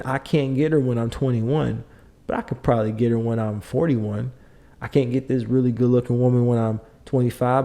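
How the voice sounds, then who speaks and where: A man's voice: mid-range voice, dark tone. A middle-aged man hosting a podcast, delivering an opinionated, lecturing monologue with emphatic repetition. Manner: emphatic, lecturing, repeats points. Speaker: podcast host.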